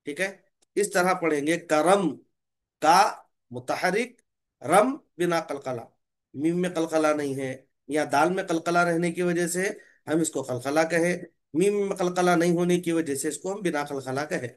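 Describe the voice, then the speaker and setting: A male religious reading teacher running an online class, patiently modelling and correcting syllables slowly. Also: a little high.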